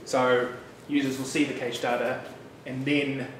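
A New Zealand man in his thirties gives a relaxed, chatty developer talk at a meetup, full of fillers and asides, speaking at medium pitch and a little slowly. He addresses an audience in a bright, loft-like office. He stands away from a room mic, so the sound is distant, echoey and backed by noise.

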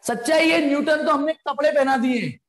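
A man's voice: extremely high pitch, brisk. Chatty male physics teacher. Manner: chatty, calls students beta, slangy asides. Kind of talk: live online class. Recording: echoey room with long reverb.

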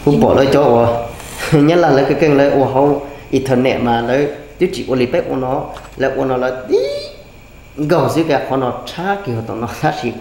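Seated on a floor mat indoors at home, a young vlog host talks his way through cutting meat in a relaxed, chatty cooking video. He speaks briskly in a medium, slightly mellow voice over a bit of background noise.

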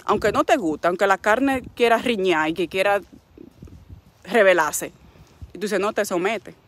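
A middle-aged woman with a Dominican Spanish accent, talking as a wellness coach. She exhorts and preaches with blunt frankness, at an ordinary pitch for a woman. The talk is faith-based and motivational. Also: moderate pace, a bit bright, slight background noise. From Dominican Republic.

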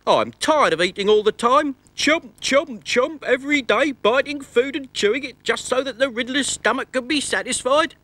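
Squeaky grumbling body parts. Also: male voice, lively intonation, moderate pace, hardly any pauses, pushed and bright, no room sound, full character voice. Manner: whiny, complaining.

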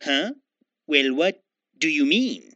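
A man's voice: a little high, animated, slow pace, pushed and bright, dry recording, muffled recording, heavily acted. A man voicing a small, timid, politely bemused hobbit in a cartoon parody, hesitant and dryly incredulous.

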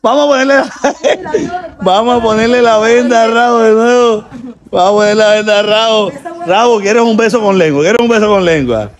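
A man with a Colombian Caribbean accent hosting a comedy prank game, teasing and laughing with shrill exclamations. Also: fairly quick.

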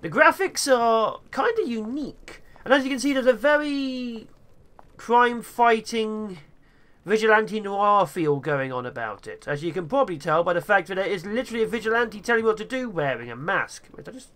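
A man's voice: high voice, moderate pace. A man giving playful, theatrical gameplay commentary as a gaming video host. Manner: excitable, theatrical.

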